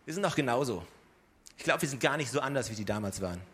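A man's voice: mid-range voice, expressive, quick pace, a bit bright, breathy edge. A man preaching a sermon in a conversational way, speaking straight to his listeners with rhetorical questions. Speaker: pastor.

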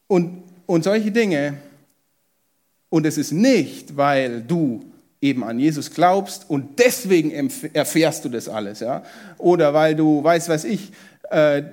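A man with a German accent preaching a sermon, emphatic and lively, addressing the congregation with rhetorical questions. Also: a little high. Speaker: pastor.

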